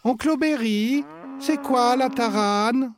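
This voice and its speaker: Man doing a worried little girl, high and loud, storybook read-aloud. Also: slow pace, crowd noise. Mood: calling anxiously. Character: young girl, worried and eager.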